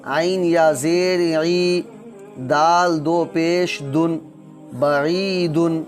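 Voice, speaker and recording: A man teaching Quran reading, spelling out letters and vowel marks one by one, with quick plain explanations of the rules. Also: on the high side, little pitch movement, soft background music. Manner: recites verses slowly in a melodic chant.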